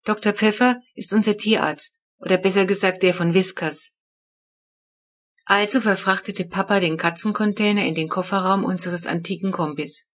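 A woman narrating a children's book with lively, expressive storytelling. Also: mid-range voice, moderate pace. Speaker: audiobook narrator.

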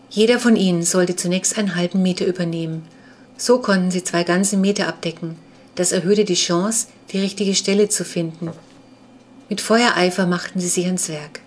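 Woman reading a kids' book chapter out loud, kind of low voice, steady clear storytelling, faint hiss in the background. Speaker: audiobook narrator.

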